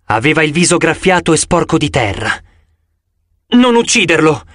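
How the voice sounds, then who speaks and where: A man narrating an audiobook in the first person with a dramatic, expressive reading. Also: on the high side, fairly quick, no room sound, studio quality.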